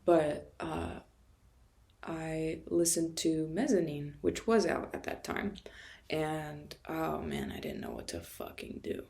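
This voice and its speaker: A woman's voice: deep voice, big pitch swings, takes it slowly, creaky, darkish tone. A woman from Florida telling a rambling, profane, self-mocking story in a casual monologue and laughing often. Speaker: vlogger.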